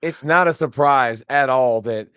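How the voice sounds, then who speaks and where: A man's voice: medium pitch, a little slow, fairly bright tone, clear, resonant tone, no echo. A man in his forties hosting casual sports chat, fired-up and emphatic, full of "like.". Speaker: host, former football player.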